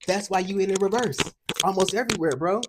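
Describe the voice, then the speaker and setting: A man's voice: high voice, quick pace, noisy background. Fired-up, profane male tarot reader. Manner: streetwise, profane, fired-up and emphatic. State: out of breath at times. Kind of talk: collective tarot reading.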